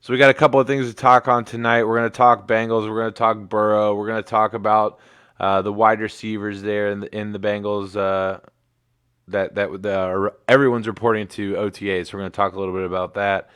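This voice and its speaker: A man's voice: lowish voice, flat delivery, fairly quick, fairly bright tone, smooth, no echo, studio quality. A man in his thirties hosting a casual livestream sports show, laid-back and rambling with plenty of fillers. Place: home in Michigan.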